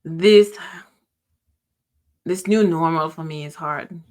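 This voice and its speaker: On her own podcast, a middle-aged Jamaican woman delivers a personal, reflective monologue in a low, slightly mellow voice. She speaks with emotion, pausing often, restarting sentences and letting some trail away.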